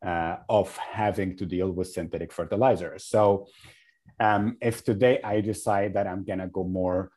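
A man from Egypt, a guest in a podcast interview, speaking in a halting way with many fillers and restarts. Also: low-pitched, steady tone, darkish tone. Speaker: guest, regenerative agriculture advocate.

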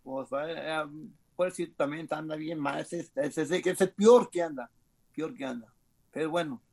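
A man's voice: a little high, moderate pace, vocal fry, darkish tone. A man with a Mexican accent, a guest speaking hesitantly with many fillers. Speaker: guest, former boxer. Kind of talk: casual interview chat.

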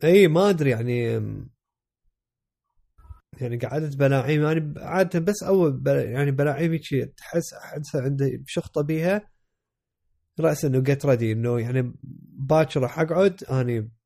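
A man with an Iraqi Arabic accent chatting casually as a podcast co-host, congested with a cold that affects his voice, halting as he searches for words. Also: mid-range voice, warm tone. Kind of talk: casual chat.

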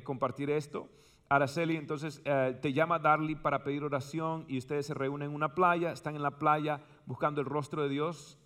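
A man, a pastor interviewing a church guest, who breaks into loud exuberant praise and then talks on. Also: on the high side, clear, resonant tone. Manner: exuberant, exclaims praise loudly.

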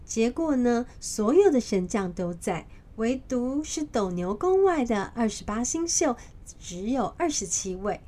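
A woman with a notably high voice narrating a children's tale. She reads in a lively, expressive storytelling manner. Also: measured pace.

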